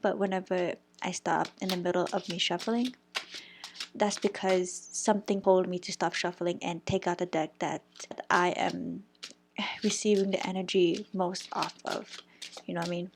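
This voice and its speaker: A woman's voice: fairly low pitch, fairly even intonation, normal speed, vocal fry, a little hiss or hum. Chatty young woman reading tarot. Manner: chatty, thinks aloud, stumbles over crystal names, some whispered words. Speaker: tarot reader. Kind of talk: casual pick-a-card tarot reading.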